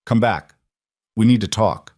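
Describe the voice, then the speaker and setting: A man voicing a weary biker leader who speaks in terse, low-key lines. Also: measured pace, darkish tone, dry recording, studio quality. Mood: grim.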